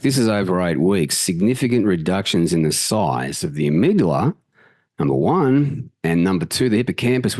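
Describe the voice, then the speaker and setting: Man, low voice, energetic casual health presenter, occasional swearing, dry close sound. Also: dry recording. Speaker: health channel host. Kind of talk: presenting slides, casual talk.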